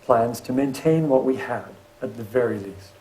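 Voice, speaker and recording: A man's voice: mid-range voice, normal speed, poor audio. A middle-aged man, a professor and landscape architect, giving a public lecture with slides and dropping wry asides. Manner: lively delivery with wry asides.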